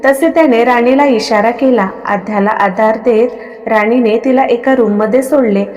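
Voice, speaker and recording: Woman storyteller, fairly high voice, long reverb; steady expressive read. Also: moderate pace, highs cut off. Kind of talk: scripted story narration.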